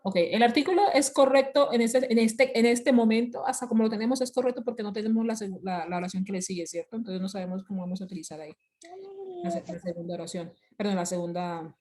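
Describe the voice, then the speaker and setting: A woman's voice: medium pitch, fairly even intonation, fast talker, dark tone. A woman instructor explaining English grammar in an online class over a video call, patient and repeating herself as she goes.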